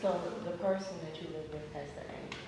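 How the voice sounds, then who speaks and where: A man with a slightly high voice gives calm, practical advice to a group. He is away from the mic in a very echoey room. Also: fast talker, recorded from a distance, a crowd in the background. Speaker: class participant. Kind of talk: casual group discussion.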